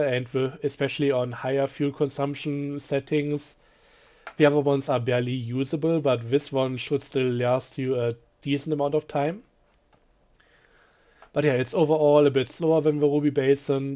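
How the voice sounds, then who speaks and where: A man with a mellow, dark-toned voice walks through a game review in a relaxed, offhand way. He talks at an easy middle pitch and leans on fillers and dry little asides. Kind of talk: casual game review commentary.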